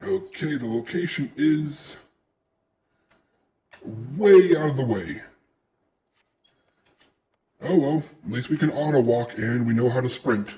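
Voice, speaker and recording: A man's voice: mid-range voice, takes it slowly, long pauses, dark tone. Sarcastic man narrating his gameplay. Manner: sarcastic, joking asides. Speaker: gameplay video host. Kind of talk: casual let's-play commentary, reading quest text aloud.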